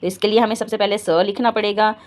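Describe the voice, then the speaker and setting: A woman's voice: medium pitch, level tone, fast. A woman teaching a children's Hindi lesson, patient, asking the children questions and repeating each step.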